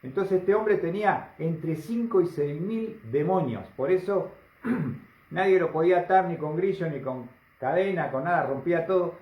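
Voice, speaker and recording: A man preaches with emphasis, his voice sitting a little high for a man. He keeps turning to the congregation with rhetorical questions. The recording sounds roomy and slightly dull, like a church hall. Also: normal speed. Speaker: pastor. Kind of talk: sermon.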